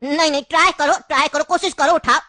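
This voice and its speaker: A woman's voice: sits high, fairly even intonation, fast talker, heavy background noise, natural voice. A woman voicing an elderly grandfather in a cartoon, cunning and grieving, with an insistent, coaxing way of talking. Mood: needling. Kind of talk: cartoon voice acting.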